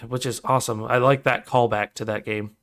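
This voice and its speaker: A man's voice: medium pitch, fairly even intonation, brisk, a bit bright. A man co-hosting a podcast in casual chat, easygoing and rambling. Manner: easygoing, rambling with fillers and restarts. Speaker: podcast co-host.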